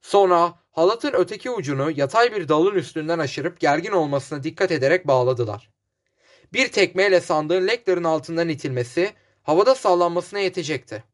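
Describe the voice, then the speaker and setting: A man reading a novel aloud in measured scripted narration. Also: on the high side, animated. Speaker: audiobook narrator.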